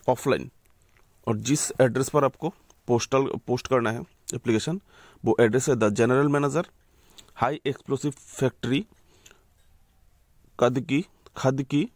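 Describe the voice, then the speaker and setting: A man's voice: mid-range voice, a little mellow, no echo. A man hosting a channel, giving an informal voice-over that walks viewers through a job notification, often calling them friends and correcting himself. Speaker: YouTube channel host.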